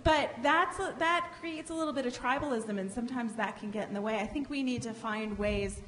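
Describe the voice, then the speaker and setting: On the stage of a large conference hall, a middle-aged woman with a slightly high, fairly bright voice takes part in a panel discussion. Speaking into a table-stand mic, she explains things step by step, measured but with frequent restarts, amid long echo and faint hiss.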